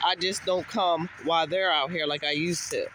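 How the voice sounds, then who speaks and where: A woman's voice: low voice, steady tone, normal speed, a bit bright, slight background noise. A woman with a congested voice, talking casually to camera in a rambling, exasperated family vlog, outdoors. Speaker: family vlogger.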